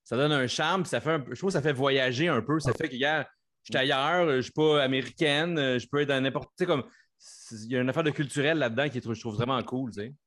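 Hesitant man, mid pitch. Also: fast, fairly bright tone. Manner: hesitant, restarts often. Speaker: podcast co-host. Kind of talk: casual interview chat.

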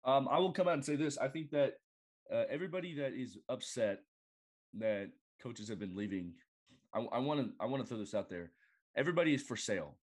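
Male podcast guest, casual sports talk, halting delivery that often circles back on itself, middle-pitched voice. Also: expressive. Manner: halting, lots of fillers and restarts.

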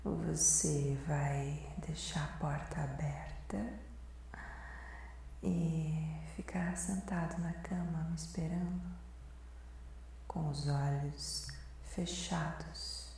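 A Brazilian woman doing an intimate ASMR role-play, breathy and sensual, murmuring as if right in the listener's ear. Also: low-pitched, steady tone, drawn-out words, warm tone, slight background noise. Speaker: host of an erotic audio podcast. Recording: very echoey voice over faint music. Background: music.

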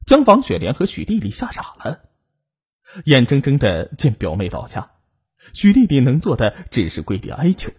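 Man's voice with a strong husky edge. Very animated pitch swings on the true crime narration. Dramatic storytelling. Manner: dramatic, rising and falling delivery.

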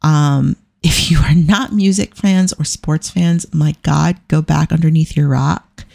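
Creaky-voiced woman podcaster, casual and irreverent. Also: sits low, steady tone, a little slow, a little mellow, no room sound, studio quality. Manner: irreverent, self-deprecating humour. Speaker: podcast host. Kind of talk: casual solo podcast talk.

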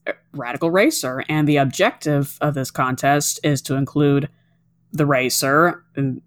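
A woman co-hosting a casual podcast, explaining things in long, chatty run-on sentences. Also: low voice. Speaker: podcast co-host.

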